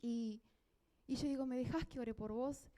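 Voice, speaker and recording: A woman's voice: a little high, fairly even intonation, normal speed, dark tone. A woman with a Uruguayan accent giving a heartfelt spoken testimony at a church meeting, telling her story and acting out the dialogue. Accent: Uruguayan Spanish.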